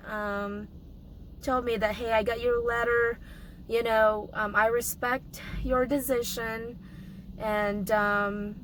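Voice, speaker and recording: Slow, halting woman with a cold. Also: a little high, a bit bright, a little hiss or hum, poor audio. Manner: halting, many ums and restarts. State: hoarse from a cold, coughing. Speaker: vlogger. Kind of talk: casual vlog update.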